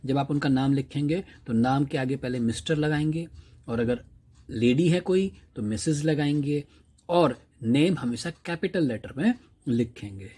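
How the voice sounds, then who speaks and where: A man teaching a primary-school English lesson. He reads each question slowly, translates it, then asks the listener questions and answers them himself. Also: medium pitch, darkish tone, husky.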